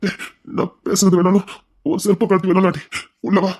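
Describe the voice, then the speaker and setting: A man's voice: sits high, monotone, a little fast, a little mellow. A man playing an anguished, pleading man with a Tirunelveli accent. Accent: Tirunelveli Tamil. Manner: pleading, repeatedly calling out. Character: anguished man begging a brother to come back. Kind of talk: melodramatic web-series acting.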